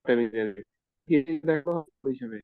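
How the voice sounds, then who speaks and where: A man, a student in an online class, asking halting questions while his voice cuts in and out on a bad call connection. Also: medium pitch, no echo. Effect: voice cutting in and out on a bad call connection. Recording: tinny, dry online call line.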